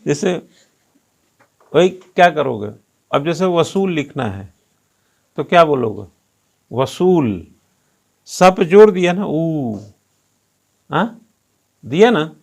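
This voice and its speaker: A male teacher lectures a coaching class in an unhurried, conversational way, teasing his students and quizzing them on how words are pronounced. His voice sits high for a man and has a gravelly, creaky edge. He keeps turning to the room with questions. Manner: asks rhetorical questions and drills pronunciation.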